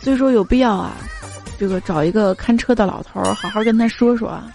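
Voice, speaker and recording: A woman's voice: mid-range voice, fast talker, gravelly. A woman hosting a comedy podcast, reading listener jokes in a chatty, playful way and acting out the quoted lines. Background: faint background music.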